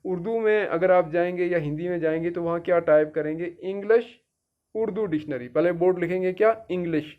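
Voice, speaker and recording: A man's voice: high voice, a little fast. A middle-aged male teacher from Jammu and Kashmir giving a patient, step-by-step tutorial and checking in with his students after each step. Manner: patient, repetitive, keeps checking with "theek hai". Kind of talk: screen-guided tutorial. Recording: dull lo-fi recording.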